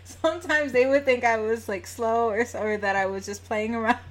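A woman's voice: fairly high pitch, measured pace. A woman with a standard American accent chatting casually and informally as she interviews someone, with an easy laugh in her talk. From United States. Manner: informal, chatty, laughs easily while talking. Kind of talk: casual chat.

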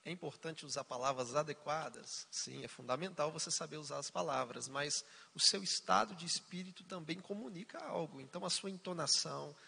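A man's voice: a little high, a little fast, gravelly, hardly any pauses, sharp tone, slightly rough, big-room sound. A man co-hosting a casual faith-based family talk, explaining points with jokey asides. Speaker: co-host of a family talk show.

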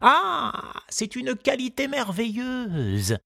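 A man voicing a kindly, wise old male gardener in an audiobook, musing slowly and confidingly. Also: very high voice, wildly swooping pitch, vocal fry, pushed and bright, no room sound, studio quality, voice pushed up, heavily acted. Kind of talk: audiobook character reading.

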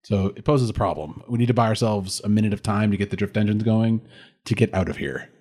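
A man's voice: on the low side, fast talker, a little mellow. A man talking casually as a player on a tabletop role-playing podcast. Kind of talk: casual tabletop game chat.

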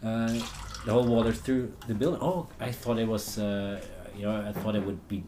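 A man hosting his own podcast in casual chat, halting and joking as he talks. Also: fairly low pitch, fairly even intonation, mellow, slight background noise. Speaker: podcast host.

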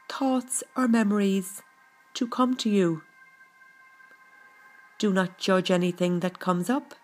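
A woman narrating a scripted guided meditation in a soothing, gentle, unhurried manner. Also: mid-range voice. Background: background music.

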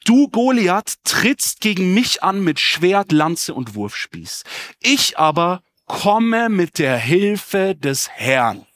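A man's voice: high-pitched, expressive, unhurried, a bit bright, no room sound, pitched above the performer's own voice. A male preacher voicing the young shepherd David, declaiming boldly to his foe. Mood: defiant.

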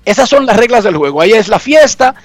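Broadcasting a laid-back radio show out of his garage, this high-voiced man sounds stuffed up from a cold and talks fast in a sing-song way. He stresses and restates his points in a chatty manner, with the audio dry and close and soft music playing beneath.

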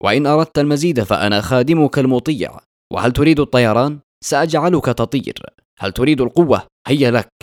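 A menacing male devil that booms and mocks, as a male storyteller puts him on. The voice sits at a middling pitch, with a dry sound and no room around it. It is a dramatic spoken tale. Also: expressive, fast talker, no room sound, natural voice. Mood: tempting. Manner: loud and booming.

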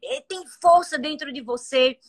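A woman's voice: sits high, normal speed. A woman hosting a faith interview, affirming her guest with short interjections. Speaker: podcast host.

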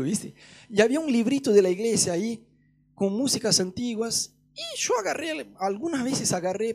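Animated high-voiced Rioplatense Spanish preacher. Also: male voice. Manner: animated storytelling, acts out scenes and voices. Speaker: preacher giving testimony. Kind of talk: testimony sermon.

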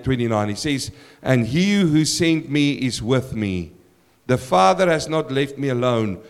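A male pastor delivers a sermon in a somewhat high, croaky voice. He speaks straight to his congregation, posing rhetorical questions and pressing them with direct appeals.

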